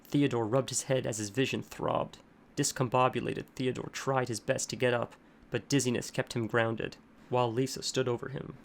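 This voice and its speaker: A man narrating a horror story in a steady, measured way. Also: medium pitch, creaky, a little hiss or hum.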